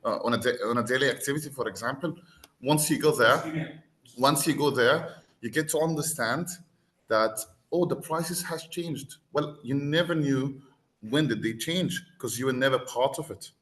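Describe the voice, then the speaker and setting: A man's voice: medium pitch, normal speed, fairly bright tone. A man raised in the UAE, talking reflectively as a podcast guest and explaining with everyday examples. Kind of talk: conversational panel talk.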